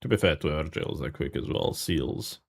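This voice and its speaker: A man's voice: very deep voice, animated, moderate pace, creaky, breathy edge. A man from Serbia, casually commentating a live game stream, greeting chat and swearing freely.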